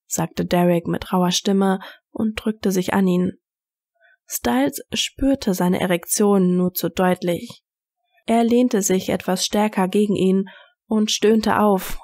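A woman narrating a fan-written story as an audiobook, reading in an even, measured way. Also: medium pitch, creaky, no echo, clean studio sound. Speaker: fanfiction reader.

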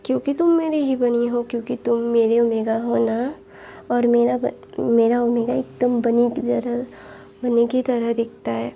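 A woman reading the part of a possessive young lover, speaking low and insistent in a flat, dark tone with a gravelly edge. His lines stay hushed and steady. The voice comes from a spoken fan-story retelling. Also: measured pace, a little hiss or hum.

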